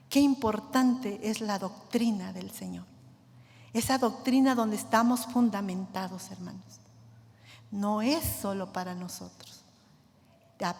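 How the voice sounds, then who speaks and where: A woman's voice: medium pitch, a little mellow. A middle-aged woman sharing an earnest devotional testimony and prayer in church, speaking to her fellow believers. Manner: earnest, addresses listeners as brothers and sisters. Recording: long hall reverb.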